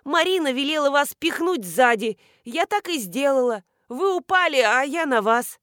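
A timid, jumpy housekeeper with a high, raised voice, as a woman reads her in an audiobook. She sounds strained and a bit louder than the narration. The recording is close and dry. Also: animated, moderate pace, no echo. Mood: excited. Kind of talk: audiobook character reading.

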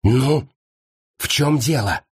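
Stern young female gym teacher, read by a man, curt and cold, audiobook scene, husky, dry close sound. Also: medium pitch, normal speed, a little mellow, no echo, natural voice. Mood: irritated. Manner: curt, snapping commands.

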